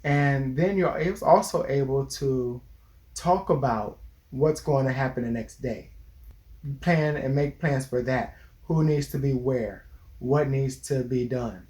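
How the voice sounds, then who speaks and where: A man's voice: mid-range voice, measured pace, a little mellow. Earnest man giving relationship advice. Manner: earnest, lecturing, restarts mid-sentence. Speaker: therapist co-host. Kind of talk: casual advice chat.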